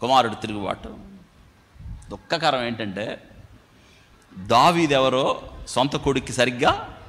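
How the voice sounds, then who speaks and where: A man's voice: mid-range voice, measured pace. A man preaching a sermon, calling on his listeners to answer back and mixing English phrases into his speech. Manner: animated preaching, calls for audience responses. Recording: long hall reverb.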